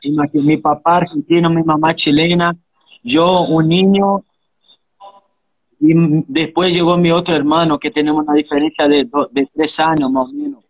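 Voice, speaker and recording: A man's voice: on the high side, steady tone, normal speed, husky, no room sound, highs cut off. A man in his thirties from Brazil, talking earnestly and reflectively in a casual interview, often ending thoughts with a question. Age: 30s. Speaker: interviewee, capoeira practitioner.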